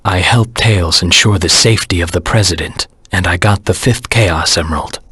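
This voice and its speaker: A man voicing a brooding, vengeful hedgehog anti-hero in a video game, grave and terse with a husky, gravelly edge. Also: low voice, moderate pace, bright, forceful tone, no room sound, clean studio sound, exaggerated voice. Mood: grim, brooding. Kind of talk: video game character acting.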